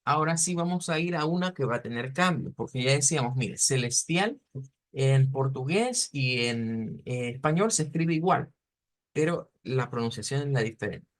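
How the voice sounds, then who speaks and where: A male language teacher, speaking at a middle pitch. He explains step by step with patience and often stops to check that his students follow him. His talk is full of small fillers and restarts. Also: moderate pace. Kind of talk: online class lecture.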